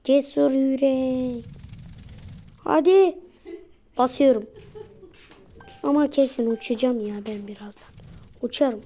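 A woman chatting her way through a mobile game, excitable and quick to repeat her cheers. Her voice sits high, and she talks in an unhurried, drawn-out way. A faint noise hangs behind her. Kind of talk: casual gameplay commentary.

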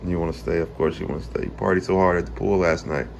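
Laid-back guy in his 30s talking into his phone, lowish voice, lots of travel noise behind him. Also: flat delivery, fast talker, vocal fry, lo-fi sound. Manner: easygoing, repeats phrases, chats to his son. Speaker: vlogger father. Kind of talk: casual travel vlog. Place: car, hotel and outdoors. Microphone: phone camera held at arm's length.

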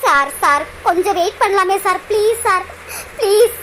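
Squeaky, timid cartoon village girl. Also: fairly even intonation, brisk, a bit bright, a little hiss or hum. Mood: tearful. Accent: Kanyakumari Tamil. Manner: pleading, keeps saying sir. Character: young village woman in love, timid and anxious. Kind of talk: cartoon voice acting.

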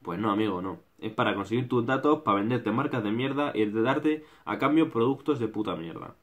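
A man's voice: medium pitch, expressive, brisk. Young man with a Spain Spanish accent, swearing rant. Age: young adult. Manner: blunt, swears a lot, mocking. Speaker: YouTuber. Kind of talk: casual critical rant to camera. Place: small bedroom indoors.

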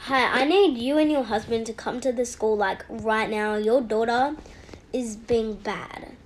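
A woman voicing an unbending school principal who speaks quietly and strictly. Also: on the high side, unhurried. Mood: firm. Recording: noisy home recording.

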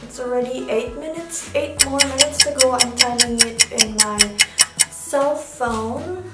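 A woman's voice: high voice, reverberant, over loud music. Woman talking through a sheet face mask. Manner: unhurried, halting, non-native phrasing. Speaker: beauty vlogger. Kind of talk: casual vlog chat.

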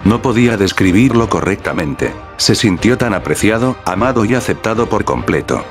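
Deep-voiced man reading a story. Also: expressive, moderate pace. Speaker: fan-fiction reader. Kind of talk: scripted narration. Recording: faint background music.

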